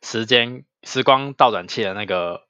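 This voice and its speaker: A man co-hosts a relaxed podcast, spinning anecdotes and breaking into laughter. His voice sits low yet sounds bright and pushed forward. It is recorded close and dry on a slightly dull mic. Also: normal speed, smooth, no echo. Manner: chatty storyteller, laughs often. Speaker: podcast co-host. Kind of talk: casual chat.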